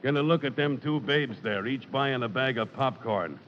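A man's voice: medium pitch, normal speed, slight background noise, natural voice. A man playing an eager, girl-chasing sailor on leave in 1940s radio sketch comedy. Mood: eager, scheming. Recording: dull old radio hall recording.

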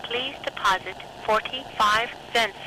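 A woman's voice: fairly high pitch, measured pace. A woman's recorded announcement heard over a payphone call, politely asking for coin deposits. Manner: polite, evenly paced recorded prompt. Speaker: automated payphone coin prompt. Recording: noisy payphone line recording.

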